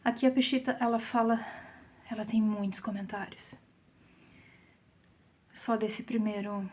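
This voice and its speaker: A woman with a Brazilian Portuguese accent leading a Bible study, reading scripture aloud and explaining it, sometimes dropping to a soft whisper for emphasis. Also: mid-range voice, steady tone, a little slow. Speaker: Bible teacher.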